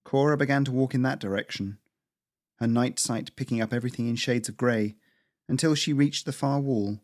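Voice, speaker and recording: A man with a mid-pitched voice hosts his own podcast and reads his fantasy flash fiction. His intro is loose and full of fillers. The recording is close and dry. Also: a little fast, dry recording. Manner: hesitant, filler-heavy in the intro. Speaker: podcast host and author.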